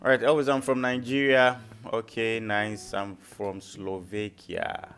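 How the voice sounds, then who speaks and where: Speaking a little slowly in a fairly low, level, fairly bright voice, a man from Ghana teaches a live trading lesson while faint music plays. This forex educator and stream host analyzes the market, often repeating phrases and checking in with viewers.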